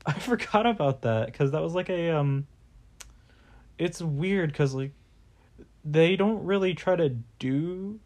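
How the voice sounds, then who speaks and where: A man's voice: a little high, darkish tone. Rambling young man, casual podcast chat. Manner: rambling, filler-heavy, casual swearing. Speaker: podcast host.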